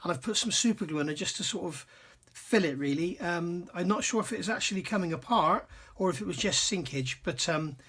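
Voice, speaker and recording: A man's voice: sits high, lively intonation, fairly quick, hardly any pauses, fairly bright tone, husky. A man hosting a scale model building channel, talking casually at his workbench in a rambling, self-deprecating way, his throat dry and catching now and then. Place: home hobby workbench.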